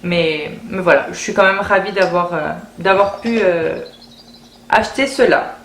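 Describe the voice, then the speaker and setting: A woman's voice: fairly low pitch, measured pace. A woman chatting casually through a beauty haul video, often repeating words as she thinks aloud. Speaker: beauty vlogger. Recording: roomy echo, faint background hiss.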